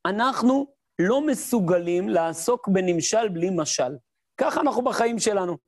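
A rabbi gives a Torah lesson in a voice that sits high for a man. He tells his stories with energy, mimics the sounds in them, and fires off his own questions before he answers them. The recording is close and dry, with no room sound. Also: no echo. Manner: lively storyteller who mimics sounds and voices. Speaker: rabbi teaching a class.

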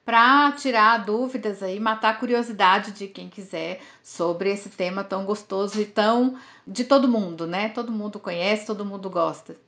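A woman's voice: mid-range voice, normal speed, hardly any pauses, a bit bright. A woman from in Brazil's Northeast, a linguistics professor explaining things as a podcast guest, often tagging her sentences with questions. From Campina Grande, Paraíba, Northeast Brazil. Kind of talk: podcast interview.

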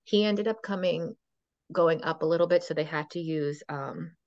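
A woman in her thirties with a low voice tells a long story in casual chat, full of fillers and other people's quoted words. The recording is dry and a bit dull. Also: normal speed, a little mellow, no echo. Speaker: podcast guest.

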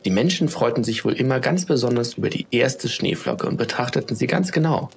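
A man narrating a children's bedtime story in a calm, steady storytelling manner. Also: medium pitch, fairly quick, gravelly, slight background noise.

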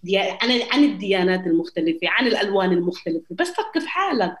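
A woman's voice: medium pitch, animated, fast. A young woman with a Palestinian Arabic accent talks casually and personally as an interview guest. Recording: roomy echo.

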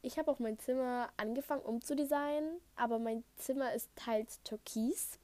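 This thirteen-and-a-half-year-old from Saxony, Germany speaks in a high-pitched, darkish voice at a moderate pace, and the recording is dry. Hosting her own podcast at home on an Apple headset amid outside construction noise, she chats through listener questions, rambling off topic with frequent fillers.

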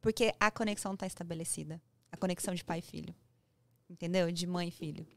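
A woman's voice: lowish voice, quick pace, creaky. A woman with a Brazilian Portuguese accent, speaking emphatically as a parenting guest on a podcast. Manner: emphatic, animated, acts out dialogue. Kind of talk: podcast conversation. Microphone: studio podcast mic.

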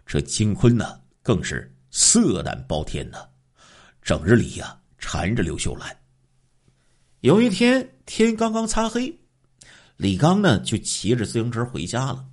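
A man's voice: mid-range voice, wildly swooping pitch, a little mellow. A man narrating a story in a dramatic oral storytelling style, drawing out phrases. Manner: dramatic, drawn-out phrasing with filler particles.

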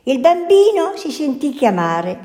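A woman's voice: high voice, sing-song, warm tone. A woman, a nun, reading a fairy tale aloud in a storytelling manner. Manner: slow, lilting storytelling. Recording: echoey hall.

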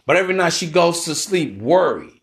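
This podcast host, an American man, sounds a little high and gravelly, very animated and slightly fast. His monologue is casual and blunt, slangy and sermon-like, with emphatic repetition to drive each point.

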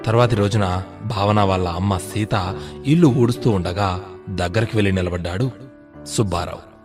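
A man narrating a moral children's story in a measured, scripted storytelling manner. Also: sits low, music in the background.

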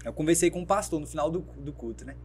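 Lively Brazilian man telling his story. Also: fairly high pitch, fast, a little hiss or hum. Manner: animated storyteller who acts out quoted dialogue. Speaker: guest, fashion brand founder. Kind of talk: storytelling in a podcast interview.

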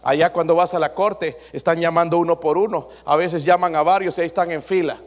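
A male pastor preaching a sermon to his congregation, swinging between loud emphatic passages and quiet asides. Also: fairly high pitch, steady tone, brisk. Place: church sanctuary. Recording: long hall reverb.

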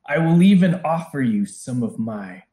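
Guy doing a booming menacing dragon calling out from inside a tower, slow and bossy, echoey room. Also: big pitch swings, warm tone. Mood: menacing, bargaining. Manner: slow, commanding, threatening. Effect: booming voice carrying from inside a tower. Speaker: game master.

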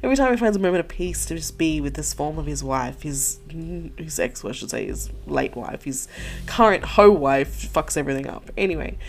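Low, gravelly woman telling a tale casually. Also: big pitch swings, fairly quick, slight background noise. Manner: profane, chatty, many likes and asides. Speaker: podcast host. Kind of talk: casual storytelling.

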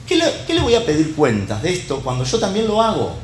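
A man's voice: fairly high pitch, huge pitch swings, fairly quick, roomy sound, slight background noise. A middle-aged man with a Rioplatense Spanish accent giving a conversational sermon, tossing rhetorical questions and little check-ins at his listeners.

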